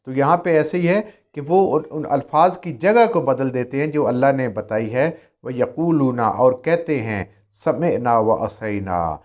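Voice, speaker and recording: A man's voice: mid-range voice, few pauses, a little mellow. A man teaching a Quran commentary lesson, reciting Arabic verses and then explaining them, repeating and rephrasing his points.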